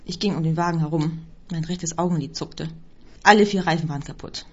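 Husky low-voiced woman reading a story. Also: brisk, darkish tone. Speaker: audiobook reader. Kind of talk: scripted first-person narration. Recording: dull lo-fi recording.

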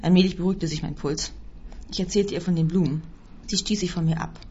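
A woman reading a first-person story aloud as scripted narration, with a husky voice. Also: lowish voice, steady tone, fairly quick, warm tone, a little hiss or hum. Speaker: audiobook reader. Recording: dull lo-fi recording.

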